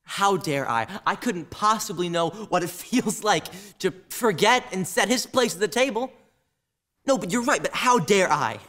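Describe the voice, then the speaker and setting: A student actor performs a stage monologue as a grieving, defiant son confronting his mother, in a high young voice that is pushed and bright. His expressive delivery, at a moderate pace, swings widely in pitch and sounds bitter and sarcastic. He seems to be in his teens or a young adult.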